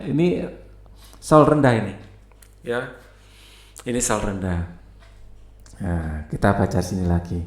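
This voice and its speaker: A man's voice: medium pitch, darkish tone. Man explaining a music lesson, echoey room. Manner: reads textbook aloud then explains, sings note names and short song lines. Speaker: teacher. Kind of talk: explaining a school textbook.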